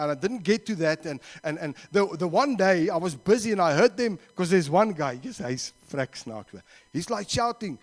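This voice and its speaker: A man with a South African accent preaching a sermon, telling stories in an animated way and slipping Afrikaans phrases in. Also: on the high side, in a large hall. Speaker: pastor. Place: church hall.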